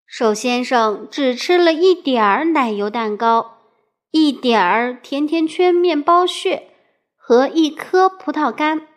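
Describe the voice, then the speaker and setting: A woman telling a children's storybook aloud, expressive and asking the listener playful questions. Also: sits high, slow.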